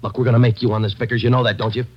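A man's voice: mid-range voice, flat delivery, rapid-fire, close to an everyday voice. An American man playing a terse, dogged police detective in a matter-of-fact, clipped 1950s radio drama style. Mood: insistent, heated. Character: terse, dogged male police detective narrating his case. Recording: muffled, noisy old radio recording.

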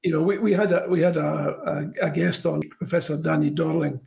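A man's voice: fairly high pitch, fairly even intonation, a little fast, vocal fry, darkish tone. A man, hosting an informal interview in a conversational style. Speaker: interview show host.

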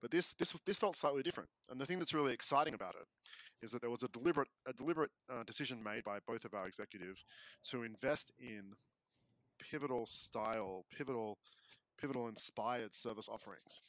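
An Australian man talking as a podcast guest in casual chat, quick and often restarting phrases as he explains. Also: medium pitch, a bit bright, dry recording, low-quality recording.

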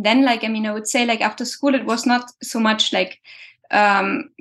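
With a mid-range voice and some vocal fry, a woman from Germany, a native German speaker, responds to interview questions as a guest scientist. Her answers come haltingly, full of fillers and restarts.

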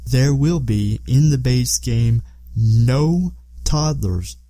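A man's voice: mid-range voice, lively intonation, very slow, warm tone, no echo. A man hosting a podcast solo, talking casually in a rambling, self-deprecating way. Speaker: podcast host.

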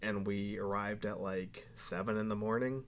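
A man co-hosting a podcast, chatting and telling stories in a relaxed, rambling way. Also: on the low side, moderate pace, slight background noise. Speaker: podcast co-host. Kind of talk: casual chat.

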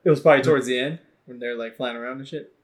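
A man's voice: mid-range voice, steady tone, very fast. A man co-hosting a casual podcast, laughing often and swearing freely as he talks. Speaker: podcast co-host. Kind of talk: casual chat.

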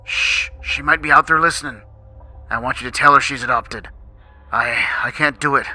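A man voicing Mr. Krabs, a gruff older male crab who talks like an old sailor and stammers in sorrow. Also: mid-range voice, steady tone, normal speed, pushed and bright, faint music behind, voice pushed up. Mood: troubled. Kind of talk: fan creepypasta reading.

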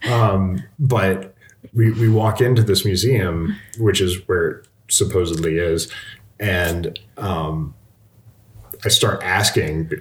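Low-voiced man telling a story. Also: fairly even intonation, takes it slowly. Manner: chatty travel anecdotes with detours. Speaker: podcast host. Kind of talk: casual storytelling.

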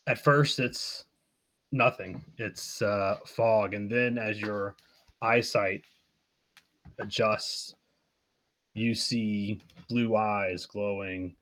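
A man narrates a tabletop game as game master, describing scenes with pauses and fillers. His voice sits a little low and sounds dry and close to the mic. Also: steady tone, a bit bright, dry recording.

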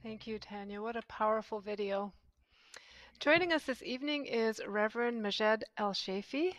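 A woman host giving a formal, measured guest introduction. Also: on the high side, a bit bright, dry recording.

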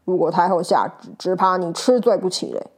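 A scheming palace eunuch, haughty and loud, tossing out threats with a raised voice, as a woman puts him on. He sounds arrogant and cornered. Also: fairly low pitch, normal speed, close to an everyday voice. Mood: defiant.

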